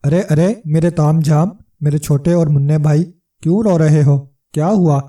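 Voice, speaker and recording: A man's voice: on the high side, steady tone, warm tone, recorded from a distance, close to an everyday voice. A man voicing a huge, domineering wife who snarls and bosses her husband, in a storybook reading. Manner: bossy and snarling.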